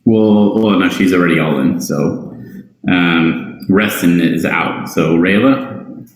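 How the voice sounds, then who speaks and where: A man running a tabletop game as game master, unhurried and hesitant with frequent ums. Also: deep voice, reverberant, rough recording.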